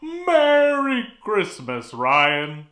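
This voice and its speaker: A man's voice: high voice, huge pitch swings, extremely slow, sharp tone, echoey room, heavily acted. A man playing a jolly, blunt, boastful old Father Christmas in a comedic horror host interview. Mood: jolly, teasing. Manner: jolly chuckling, speaks of himself grandly.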